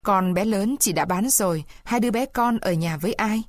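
Kindly male fellow prisoners, read by a woman narrator, speaking with pity and worry. They give gentle advice. The sound is close and dry. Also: mid-range voice, moderate pace, no echo, lightly acted. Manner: pitying, advising. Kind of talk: storybook reading.

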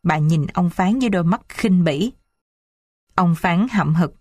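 A woman narrating a story in a steady, expressive reading voice. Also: on the low side, measured pace, no echo, studio quality.

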